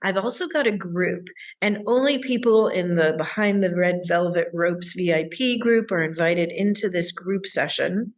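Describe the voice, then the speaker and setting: A woman's voice: lowish voice, moderate pace, few pauses. A woman relationship coach, a guest in an interview, answering with enthusiasm and acting out the voices of her clients.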